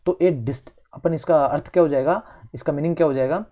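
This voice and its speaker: In an online lesson, a man with an Indian English accent teaches English vocabulary, explaining word roots step by step in a mix of Hindi and English. His voice is on the high side and warm, and he fills pauses with "theek hai".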